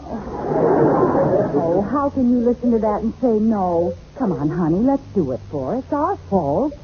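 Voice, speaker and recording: An actress playing a wry, wheedling young wife in a 1940s radio comedy. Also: female voice, mid-range voice, big pitch swings, a little slow. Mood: coaxing. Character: scheming, coaxing young wife playing along as elf. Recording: muffled, hissy 1940s radio recording.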